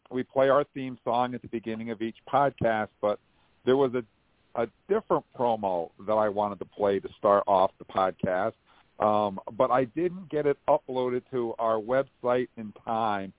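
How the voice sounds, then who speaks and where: An American man hosts a live call-in fan podcast, presenting with a folksy showman's flair. His voice is medium-pitched and his pace normal. The audio is dry and narrow, like a phone line, with no room sound.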